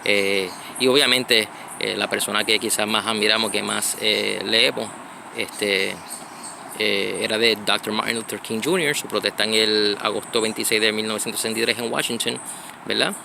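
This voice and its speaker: A man's voice: lowish voice, fairly even intonation, vocal fry, background noise. Guy from connecticut doing a church talk outside, lots of ehs and restarts, crickets and cars behind. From United States (Connecticut). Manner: halting, many fillers and restarts. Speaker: church brother giving a reflection. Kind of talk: casual spoken reflection.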